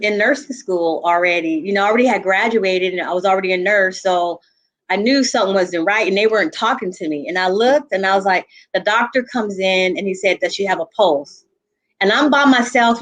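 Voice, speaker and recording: A woman in a group conversation, telling a painful personal story earnestly, with halting restarts and frequent asides of "you know". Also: mid-range voice, fairly bright tone. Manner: earnest, reliving a painful memory. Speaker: panel guest.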